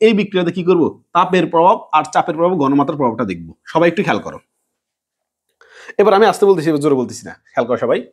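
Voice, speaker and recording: Fast high-voiced Bengali teacher. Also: male voice. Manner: asks questions and answers them himself, repeating key words; drops to a low soft voice on answers. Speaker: chemistry teacher. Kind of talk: classroom lecture.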